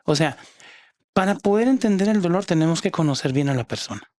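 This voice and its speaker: A man's voice: on the high side, lively intonation, a little fast, a little mellow, dry recording. Mexican guy psychologist, explains with lots of restarts, dry close sound. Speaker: psychologist guest. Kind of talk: casual podcast chat.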